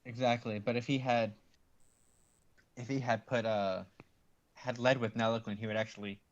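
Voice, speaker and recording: A man commentating a card game stream, explaining plays in a measured, slightly hesitant way. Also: mid-range voice, steady tone, lo-fi sound.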